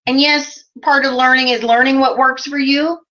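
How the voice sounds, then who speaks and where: A woman in her forties from the American Midwest talks on a live stream as a life coach, her voice bright and a little high. She chats loosely and reads out viewer comments, with plenty of "you know" and easy laughs. The audio is muffled and lo-fi. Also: fairly even intonation, normal speed. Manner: chatty, lots of "you know", laughs often.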